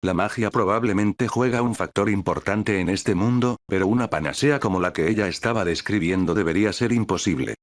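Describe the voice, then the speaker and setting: A man's voice: lowish voice, fairly quick, few pauses, dry recording, studio quality. A man reading a light novel aloud as an audiobook narrator, voicing the dialogue with little change from his narrating voice.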